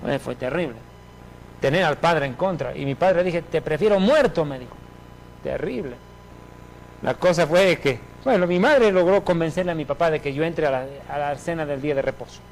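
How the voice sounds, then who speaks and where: A man giving a personal religious testimony in an emphatic, animated storytelling manner. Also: fairly high pitch, moderate pace, slight background noise, poor audio.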